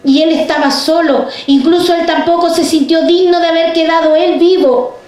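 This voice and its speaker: A woman's voice: very high-pitched, fairly even intonation, normal speed, a little mellow, echoey room. A woman preaching a fervent sermon, speaking straight to the congregation and asking them rhetorical questions. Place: church.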